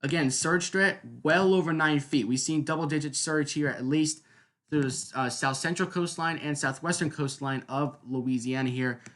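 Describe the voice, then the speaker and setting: The man's voice is a little high and a bit bright, moving at a normal pace. On his live weather stream he explains things casually and without a script, often checking in with the audience and seeking their agreement.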